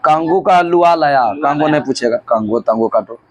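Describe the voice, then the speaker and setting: A man, a teacher running a loud rapid question-and-answer drill in a classroom. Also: on the high side. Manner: loud call-and-response quizzing, often shouting. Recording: loud classroom crowd chanting along. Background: students answering in chorus.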